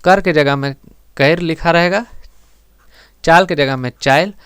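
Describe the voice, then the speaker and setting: A man teaching an exam-prep grammar lesson, explaining step by step and repeating words slowly for emphasis. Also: on the high side, fairly bright tone, clean tone, no room sound, clean studio sound.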